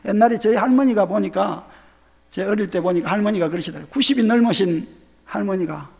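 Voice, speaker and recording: A pastor from Geoje Island with a Gyeongsang accent, preaching a sermon in a church sanctuary with animated questions to the congregation. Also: male voice, high voice, brisk, creaky, slightly rough. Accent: Gyeongsang Korean. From Geoje Island, South Korea. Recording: long church hall reverb.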